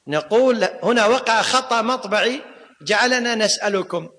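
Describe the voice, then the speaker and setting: A man's voice: sits high, normal speed, bright, forceful tone. A man teaching a class, quizzing his students and repeating key points. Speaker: teacher of Islamic law and grammar. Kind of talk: classroom lecture. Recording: long reverb of a lecture hall.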